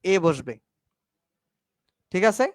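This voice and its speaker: A male English teacher giving an online class lecture. He explains slowly, mixes English grammar terms into his talk and keeps asking his students whether they follow. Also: high-pitched, big pitch swings, no room sound, clean studio sound. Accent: Bangladeshi Bengali.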